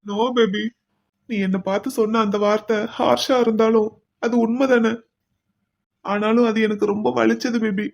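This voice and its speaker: Cast: man playing a high, flat-voiced cartoon boyfriend, begging forgiveness, dull lo-fi audio. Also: moderate pace, gravelly, pauses often. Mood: pleading, remorseful. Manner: soft, pleading, repeats "baby". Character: remorseful young man apologizing to his beloved. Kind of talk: cartoon voice acting.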